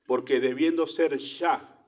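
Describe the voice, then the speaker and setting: A man with a Rioplatense Spanish accent, a pastor preaching a sermon in church, asking rhetorical questions and swinging between loud emphasis and quiet asides. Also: on the high side, fairly even intonation, takes it slowly.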